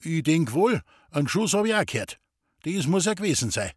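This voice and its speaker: A man's voice: fairly high pitch, sing-song, a little fast, husky, no echo, studio quality, voice pushed up. A man doing a grumbling old forester. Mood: gruff. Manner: brusque, grumbling. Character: gruff older Bavarian forester, father.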